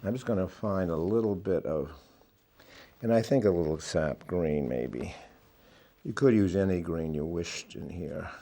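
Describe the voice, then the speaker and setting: A man giving a relaxed watercolour painting demonstration, thinking aloud as he works. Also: sits low, normal speed. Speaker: watercolour instructor.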